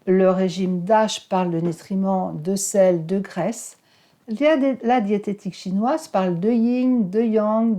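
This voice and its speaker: Woman, mellow warm voice, calm health lesson, gentle measured delivery. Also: mid-range voice. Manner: gentle, measured, with occasional fillers and restarts. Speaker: wellness channel host. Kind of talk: calm health explainer to camera.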